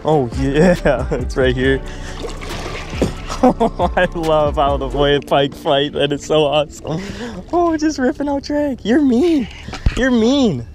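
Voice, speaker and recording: A man in his twenties vlogging from a small boat on a lake, talking casually to an action camera strapped to his chest, excitable and quick to laugh. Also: fairly high pitch, over music. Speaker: fishing vlogger. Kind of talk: casual on-the-water narration.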